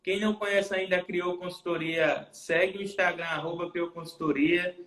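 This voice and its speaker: High-voiced man hosting in a roomy space. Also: fairly even intonation, moderate pace, fairly bright tone. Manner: adds interjections, wraps up the talk. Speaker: podcast host. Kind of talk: hosting a podcast interview. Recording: roomy echo.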